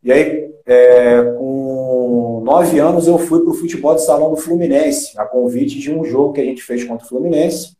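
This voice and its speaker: Recorded in an echoey room, this middle-aged man speaks with a mellow, mid-range voice and the Carioca accent of Brazilian Portuguese. Once a footballer and from Rio de Janeiro, Brazil, he is a guest in a relaxed interview chat, stopping and starting with plenty of fillers.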